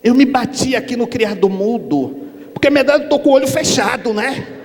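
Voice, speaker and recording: A man's voice: very high-pitched, animated, brisk, a little mellow, voice pushed up. A man acting out a flustered, frightened woman. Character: frightened woman friend, jittery and stubborn. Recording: reverberant hall with faint noise.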